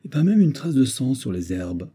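A man's voice: fairly low pitch, a little fast, warm tone. A man reading aloud, voicing a brusque, commanding veteran hunter captain. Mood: exasperated.

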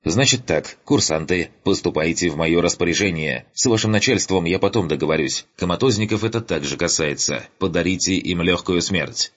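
A man voicing a tall, skinny, arrogant male colonel who barks orders and cracks into falsetto, in an audiobook. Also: muffled recording. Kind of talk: audiobook character voice.

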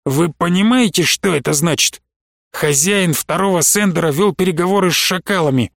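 A man's voice: high voice, moderate pace, vocal fry, fairly bright tone, no room sound, clean studio sound. A man doing a grave army colonel. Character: serious male army colonel.

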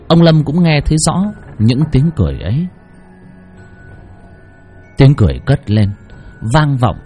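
A man narrating a horror story in a dramatic, suspenseful style. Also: medium pitch. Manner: expressive, suspenseful.

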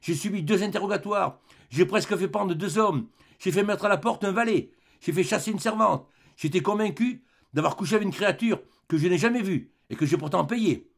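A man's voice: high-pitched, fairly quick, gravelly. A man reading a classic novel aloud as an audiobook, giving the characters different voices. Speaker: audiobook reader.

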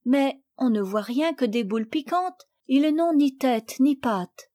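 A woman's voice: high-pitched, animated, a little slow, mellow, pitched above the performer's own voice. Woman doing indignant little girl Camille. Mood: curious. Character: eager little girl Camille, quick to anger.

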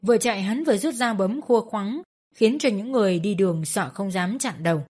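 A woman narrating an audiobook story, voicing the characters with lively dialogue. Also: medium pitch, fairly quick, breathy edge.

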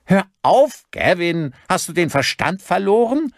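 A man's voice: sits high, sing-song, unhurried, no echo, clean studio sound, pitched above the performer's own voice, exaggerated voice. A man voicing a horrified male dealer who cries out in alarm in an audiobook. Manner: aghast, raised cries.

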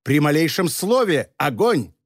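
A fierce, gloating police chief shouts his orders in a raised, hard voice, played by a man reading a storybook. The sound is close and dry, with no room around it. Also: a little high, sing-song, a little slow, no room sound. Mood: furious, commanding. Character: shouting triumphant male police chief, vengeful.

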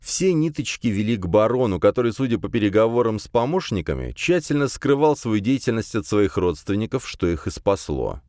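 A man narrating a fantasy audiobook in the first person with expressive, measured storytelling. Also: deep voice, dry recording, studio quality.

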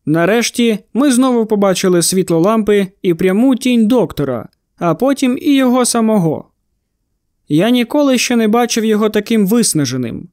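A male narrator reading a novel in the first person at a measured, even pace. His voice sits high for a man. The recording is close and completely dry. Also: dry recording. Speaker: audiobook narrator.

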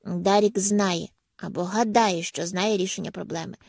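A man's voice: high voice, fairly even intonation, normal speed, gravelly, no room sound, clean studio sound. A woman voicing an impatient man in charge who speaks brusquely and insistently, in an audiobook reading.

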